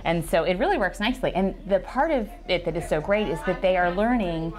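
Low-voiced woman explaining calmly. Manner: measured, explanatory, lightly joking. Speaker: teacher giving a school tour. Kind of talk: conversational explanation. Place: school classroom, indoors.

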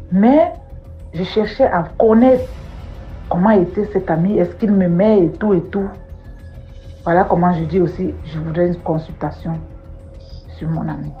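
A woman recounting a personal testimony, plainly told, rising high and urgent in distress. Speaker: testimony speaker. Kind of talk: personal testimony, spoken storytelling. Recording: dull lo-fi audio with faint music.

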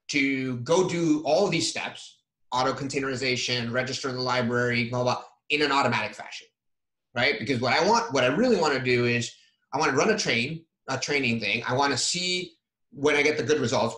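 A man's voice: mid-range voice, sharp tone. A man in his thirties giving a casual technical talk over a video call from a room at home, with many fillers as he explains. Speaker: guest speaker. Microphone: video call webcam. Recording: roomy webcam audio.

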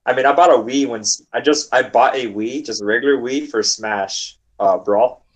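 A man's voice: medium pitch, moderate pace, highs cut off. A young man co-hosting a gaming podcast in casual, swear-filled chat. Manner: laid-back, swears freely. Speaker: podcast co-host.

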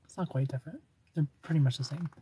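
A man in his thirties talks fast in a slightly high yet dark voice with a breathy edge and a steady tone. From his parked car at night, neon lights outside, he holds a phone close for a casual live stream. He's playful, reading out viewers' comments and laughing often.

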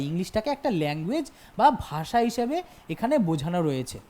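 A woman teaching an exam-prep grammar lecture, repeating each point and checking in with quick questions to her students. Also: on the low side, darkish tone.

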